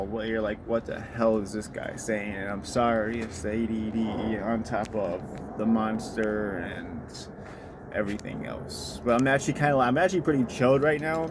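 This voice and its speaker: A man vlogging outdoors near a storage facility, chatting casually in a rambling, filler-heavy way, swearing and then apologizing. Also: mid-range voice. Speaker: dad vlogger. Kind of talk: casual chat to camera. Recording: outdoor street noise with passing vehicles.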